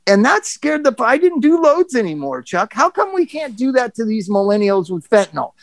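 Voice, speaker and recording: High-voiced man telling wild stories. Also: normal speed, no room sound. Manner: rambling, animated, restarts and profanity. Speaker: podcast co-host. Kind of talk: casual storytelling chat.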